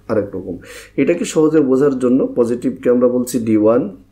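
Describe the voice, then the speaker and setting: A man teaches an English grammar lesson in a mellow, warm voice. He walks through each rule step by step, posing questions and answering them himself. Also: medium pitch.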